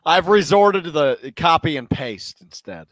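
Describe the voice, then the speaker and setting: A man co-hosts a casual live draft-night stream from a remote call, teasing his partners. His voice sits a little high and swings animatedly. The sound is dry and close. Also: very animated, measured pace, a bit bright, dry recording. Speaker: co-host making graphics. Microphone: remote call mic.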